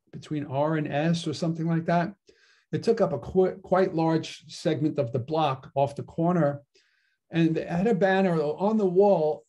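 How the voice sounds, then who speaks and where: A man's voice: fairly high pitch, gravelly, dark tone. A man giving a casual philosophy lecture, explaining ideas in a conversational way and often checking in with "right?". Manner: conversational, frequent tag "right?". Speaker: philosophy teacher.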